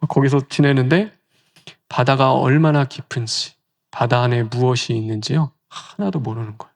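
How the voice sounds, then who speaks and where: A man's voice: mid-range voice, steady tone, moderate pace, creaky. A male pastor giving a sermon in a conversational way, often asking the congregation rhetorical questions.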